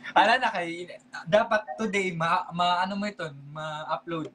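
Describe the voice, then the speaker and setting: A man's voice: high-pitched, unhurried, fairly bright tone, slight background noise. A man with a Northern Samar Waray accent, a vlogger reminiscing in rambling, laughing talk during a casual live stream.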